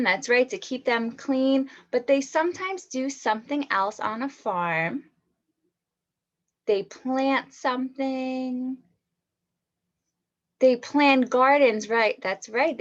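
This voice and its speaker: A woman's voice: high voice, a little slow, hardly any pauses, lo-fi sound. A woman teacher giving an online read-aloud lesson to young children, asking them questions and praising their answers.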